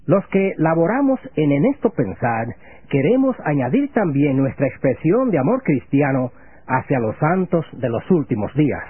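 A man hosting a religious radio program, asking questions in a formal, measured and reverent manner. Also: on the high side, big pitch swings, breathy edge, dry recording. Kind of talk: scripted religious radio interview. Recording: phone-like lo-fi radio broadcast.

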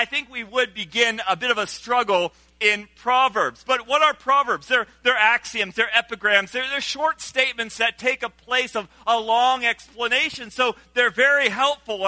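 A man preaching to his congregation with a high, lively delivery and a very bright, sharp tone. He grew up in Senegal and draws the listeners in with call-and-response. The sound is dry and close. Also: no room sound. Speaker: pastor. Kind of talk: sermon.

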